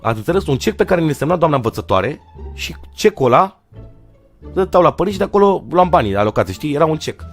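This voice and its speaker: A young man from Romania's Giurgiu area telling a comic storytime tale in slang, swinging from loud outbursts to low mutters. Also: sing-song, soft background music. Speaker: vlogger.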